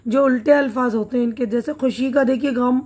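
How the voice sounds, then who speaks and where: A woman's voice: fairly high pitch, fairly even intonation, a little mellow. A woman teacher working through a textbook chapter, patiently explaining each word with simple glosses and checking questions. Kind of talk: reading through a textbook lesson.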